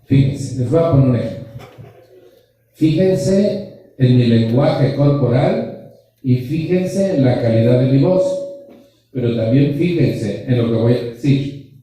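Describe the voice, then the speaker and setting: A man's voice: mid-range voice, expressive, measured pace, long pauses, mellow. A man giving a joking, blunt motivational talk to a group, full of rhetorical questions and slang. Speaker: speaker at a support group anniversary. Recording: echoey hall, distant mic.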